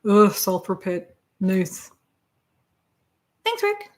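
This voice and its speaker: Co-hosting a watch party livestream, a woman reads out viewer comments in a chatty, wandering way and spells some words aloud. She speaks at a medium pitch with a sing-song lilt, stretching her words.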